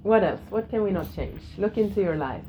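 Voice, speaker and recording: A middle-aged woman teaching a yoga lesson in a gentle way, repeating key phrases and laughing softly now and then. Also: mid-range voice, animated, fairly quick, noisy background. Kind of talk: spiritual lesson to a class.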